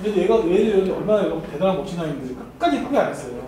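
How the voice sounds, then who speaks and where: A man's voice: sits high, lively intonation, rapid-fire, a crowd in the background. A man giving a university admissions seminar as an academy lecturer, teasing the students and speaking straight to them with frequent laughter. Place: seminar hall. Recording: very echoey hall, mic far off, faint noise.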